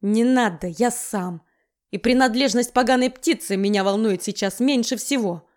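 A woman's voice: on the high side, normal speed, a little mellow, close to an everyday voice. A woman voicing an irritable middle-aged man who talks in curt, barking orders. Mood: gruff. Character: gruff, irritable middle-aged man, future father-in-law.

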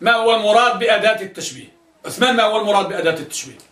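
A man's voice: sits high, racing, fairly bright tone. A male teacher giving a classroom lesson, questioning students and drilling their answers. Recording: echoey room, mic at a distance.

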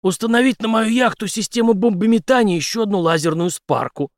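A man voicing a determined former captain who speaks forcefully to his friends. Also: high-pitched, fast talker, dry recording, clean studio sound, voice pushed up. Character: resolute male ex-captain, a devoted husband.

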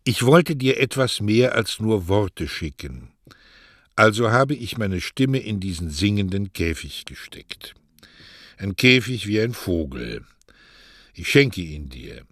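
A man reading as an old poet speaking a heartfelt message, warm and intimate, in an audiobook. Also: lowish voice, very animated, takes it slowly, no echo, studio quality, heavily acted. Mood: tender. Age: older. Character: old male poet speaking on a tape, tender.

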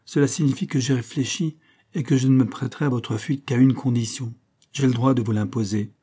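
A man reading the part of an earnest young nobleman who speaks gravely and insistently. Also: medium pitch, fairly even intonation, fairly quick, warm tone, close to an everyday voice.

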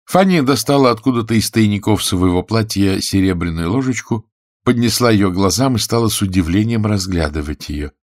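A man narrating a story aloud in a measured storytelling manner. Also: fairly low pitch, expressive, dry recording, studio quality. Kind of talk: audiobook narration.

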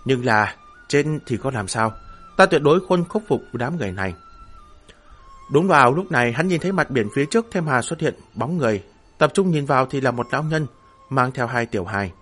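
A man narrating a fantasy novel in a steady, dramatic storytelling voice. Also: mid-range voice, brisk, husky, faint music behind. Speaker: audiobook narrator.

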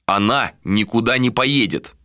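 Man doing angry lord voice, loud and barking, sharp and bright. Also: medium pitch, unhurried, no echo, studio quality, pitched above the performer's own voice. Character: hot-tempered proud male lord, shouting.

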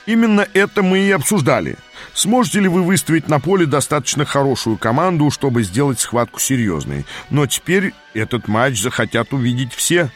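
A man reading an audiobook, voicing an effusive male delegate who is excitable and chuckling. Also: medium pitch, fairly quick, soft background music, lightly acted. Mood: excited.

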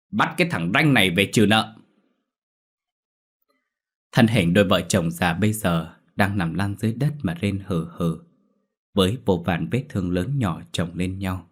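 Low-voiced man narrating a horror tale. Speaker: storyteller. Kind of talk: scripted narration of a horror story.

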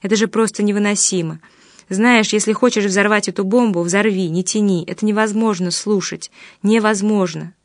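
A woman voicing a shaken young man who speaks in a hushed, urgent and exasperated way. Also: mid-range voice, steady tone, moderate pace, no room sound, studio quality, natural voice. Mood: appalled.

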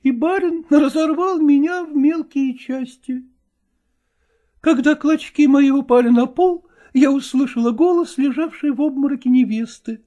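A woman reading a storybook aloud in an expressive, animated way. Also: high-pitched, unhurried, lo-fi sound. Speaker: narrator.

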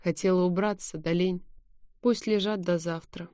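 A woman reading a first-person novel aloud in a quiet, measured way. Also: fairly low pitch, fairly even intonation, dry recording, clean studio sound. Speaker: audiobook narrator. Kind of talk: first-person audiobook narration.

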